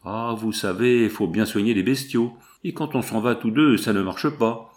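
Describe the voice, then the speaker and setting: A man voicing a middle-aged farmer who complains slowly and plaintively. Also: lowish voice, close to an everyday voice. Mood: chatty.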